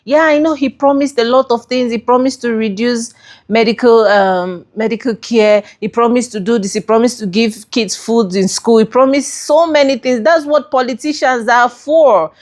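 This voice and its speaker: A woman's voice: on the high side, normal speed. A woman hosting a reaction video, commenting in a casual, exasperated way with rhetorical questions and filler words. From outside the US.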